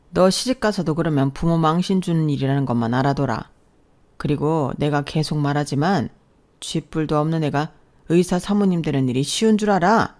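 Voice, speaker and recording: A woman's voice: sits low, darkish tone, lightly acted. Brief: bossy old father-in-law, read by a woman, stern and lecturing, radio story. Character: domineering older male professor, bossy father-in-law.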